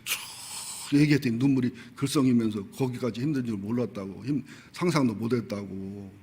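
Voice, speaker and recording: A man's voice: medium pitch, fairly quick, mellow, slightly rough. A middle-aged male pastor giving a sermon, telling personal stories candidly and with humor, acting out the voices he quotes.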